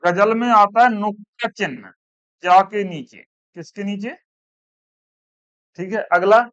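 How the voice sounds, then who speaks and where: A male teacher from India dictating words to a class one by one, repeating each slowly. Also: high-pitched, a bit bright, smooth, no room sound. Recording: dull, dry classroom recording.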